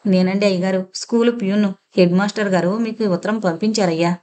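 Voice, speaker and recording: A woman voicing a humble, deferential male school peon in an audio novel, speaking politely and quickly. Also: mid-range voice, steady tone, warm tone, natural voice.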